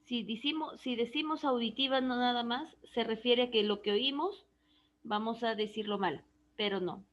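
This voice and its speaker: A woman's voice: on the high side, moderate pace, muffled recording. A woman teaching a speech therapy class, explaining terms and checking that students follow. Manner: explanatory, checks understanding with frequent "¿ya?". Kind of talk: online class lecture.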